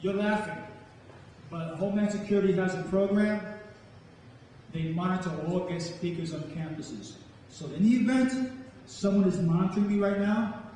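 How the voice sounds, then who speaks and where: In an echoey campus hall, a distant mic with faint noise picks up a middle-aged poet performing spoken word and making casual remarks to the audience. His voice is high-pitched and a little mellow.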